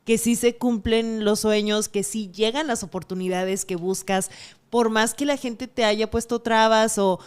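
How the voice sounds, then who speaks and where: A woman's voice: on the high side, fairly even intonation, a little slow, clean tone. A woman hosting an interview podcast, speaking in a reflective, encouraging way. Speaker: podcast host. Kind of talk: casual interview.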